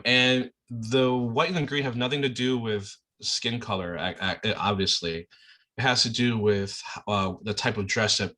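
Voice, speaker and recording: A man's voice: mid-range voice, bright, forceful tone. A man teaching an online class, explaining a played clip in a casual way with many restarts and check-ins. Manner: talks in loose restarts and checks in with "okay?" and "all right?".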